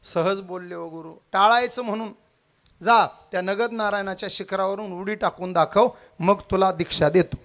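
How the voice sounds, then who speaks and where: A man's voice: high-pitched, normal speed, fairly bright tone. A man telling a devotional story, dramatic and acting out the characters' cries. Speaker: kirtan preacher.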